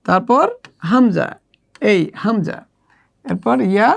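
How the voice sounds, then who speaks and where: A woman's voice: medium pitch, slow, vocal fry. A woman, teaching children Arabic letters from a workbook, patient and repetitive, drawing out the letter names and asking her pupils questions. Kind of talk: workbook lesson.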